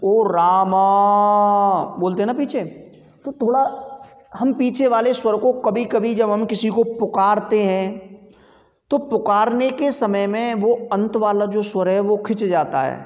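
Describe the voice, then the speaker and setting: A teacher working through a Sanskrit grammar lesson at a slow, patient pace, asking the class questions and then answering them. Sounds get drawn out to demonstrate them. The voice rings with a long reverb, as if recorded in a large echoing room. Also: medium pitch, darkish tone, dull audio.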